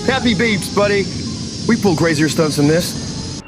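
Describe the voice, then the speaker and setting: A man's voice: high-pitched, animated, measured pace, voice pushed up. A man voicing a daring male starfighter pilot who keeps a breezy, bold tone, his voice run through an AI voice filter. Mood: cocky. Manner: breezy, bold radio chatter. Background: loud dramatic music.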